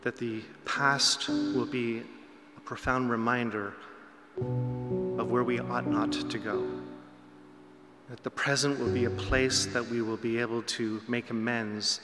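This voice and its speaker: A man prays steadily at a pulpit microphone, keeping his voice level and even. His words ring through a roomy chapel with a long reverb tail, while guitar plays clearly underneath. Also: medium pitch. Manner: measured, solemn. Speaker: prayer leader. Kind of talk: spoken congregational prayer. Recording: echoey chapel hall with loud guitar.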